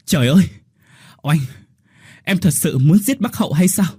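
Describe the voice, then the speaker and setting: A man voicing an alarmed young woman who shouts as she bursts in, in a ghost story. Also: on the high side, animated, moderate pace, husky, no echo, clean studio sound, voice pushed up. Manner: exclaiming.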